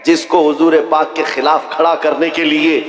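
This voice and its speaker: Impassioned male preacher, high echoing rally-style voice. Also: level tone. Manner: declamatory, dramatic storytelling with rhetorical questions. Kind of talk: impassioned sermon delivered like a rally speech. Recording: echoey PA with long hall reverb.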